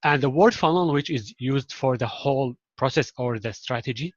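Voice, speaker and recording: A man's voice: medium pitch, normal speed, dry recording, highs cut off. A man from Syria who speaks natively, answering interview questions in English, often using fillers and restarts. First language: Arabic. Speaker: guest, marketing implementation director.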